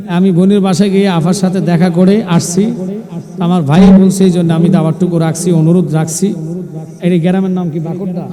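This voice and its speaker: A male preacher gives a sermon to a large gathering. He teases and challenges the crowd with questions and sometimes chants religious phrases. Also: high voice. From Bangladesh. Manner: provocative, teasing the crowd with questions. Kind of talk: Islamic sermon to an outdoor gathering. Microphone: loudspeaker microphone. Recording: echoey PA sound at a crowded gathering.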